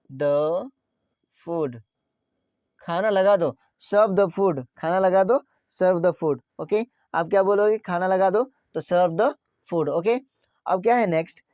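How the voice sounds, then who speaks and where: A man's voice: high voice, a little mellow, no echo, muffled recording. A man teaching everyday English phrases to viewers. He asks questions, repeats each phrase, and keeps checking that they follow along. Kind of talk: spoken English lesson.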